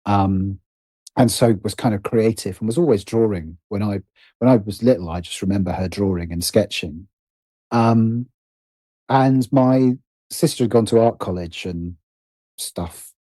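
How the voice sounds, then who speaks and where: Unhurried and mellow, a fairly low-voiced middle-aged British man chats as an interview guest on a podcast, where he appears as a writer and producer. He muses casually, hesitates, and downplays himself while thinking aloud, with no echo in the recording.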